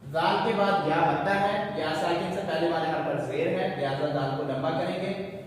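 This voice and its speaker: A man's voice: fairly high pitch, fairly even intonation, slight background noise. Man teaching recitation in an echoey hall. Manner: explains rules slowly, then chants the verses drawn out. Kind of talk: classroom tajweed lesson. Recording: echoey hall, voice far from mic.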